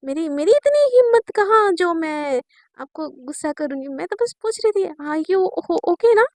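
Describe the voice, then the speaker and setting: A woman's voice: very high-pitched, very animated, moderate pace, darkish tone, no room sound, clean studio sound, heavily acted. A woman voicing a timid, anxious young wife who stammers and pleads, repeating her words. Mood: pleading, stammering.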